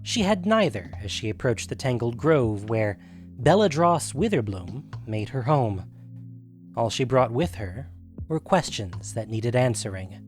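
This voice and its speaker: Reading a scripted fantasy story, this male narrator uses a medium pitch and a measured, dramatic storytelling style.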